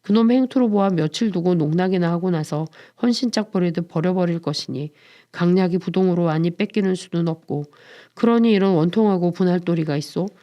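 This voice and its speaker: A woman voicing a dignified, gruff old man in his seventies who is grieving, in a dramatized book reading. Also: on the low side, brisk, highs cut off, natural voice. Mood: aggrieved. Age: older. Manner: curt, gruff, lamenting.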